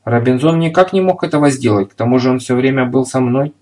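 A man voicing a meek, flustered adult lodger who sounds earnest and a little hurried, in a storybook reading. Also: medium pitch, a little mellow, lightly acted.

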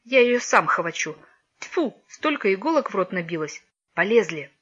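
A woman voicing a bold, scornful boy who leads his friends, talking brusquely and at times in a hushed whisper, on a dull lo-fi recording. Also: mid-range voice, sing-song, normal speed, husky.

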